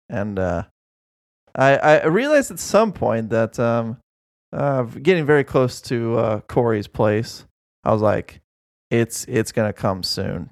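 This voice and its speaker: A man's voice: medium pitch, no room sound, clean studio sound. A man in his thirties telling an embarrassing story in casual chat, sheepish and laughing. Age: 30s.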